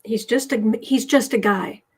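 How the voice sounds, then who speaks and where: Reading out viewer messages and commenting haltingly, the American host of a casual tarot and astrology livestream frequently repeats her words. She has a slightly high, husky voice.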